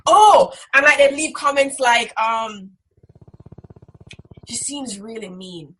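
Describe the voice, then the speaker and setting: Slow, a bit bright, and on the high side, the voice belongs to a young Caribbean woman who teaches as a graduate student instructor. She talks candidly and emphatically, stridently, in a reflective interview. The rough recording carries clicks and background noise.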